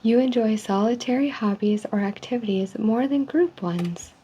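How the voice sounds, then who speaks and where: A woman speaking softly in an ASMR role-play, reading survey statements in a polite, measured customer service manner. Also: a little high. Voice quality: soft, hushed. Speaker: ASMR role-player as call center agent giving a personality survey. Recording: dull lo-fi sound with faint noise.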